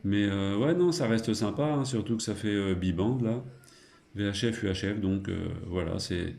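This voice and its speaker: This middle-aged man's voice is on the low side and darkish, with vocal fry and a normal speed, as he chats colloquially as an amateur radio operator. He chuckles and trails off with tag words, and the room sound echoes noticeably.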